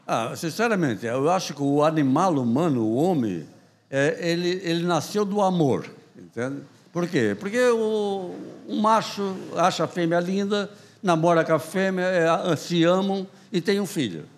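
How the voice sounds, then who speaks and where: A man in his eighties with a Southern Brazilian accent, telling long stories in an interview, rambling and animated with many restarts. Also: a little high, a little slow. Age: 80s. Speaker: guest writer. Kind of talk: storytelling interview.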